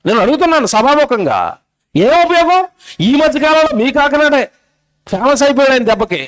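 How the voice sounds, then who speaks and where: A man's voice: very high voice, expressive, a little fast. A male preacher with a Telugu accent delivers a sermon, scolding his audience with rhetorical questions. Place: convention stage.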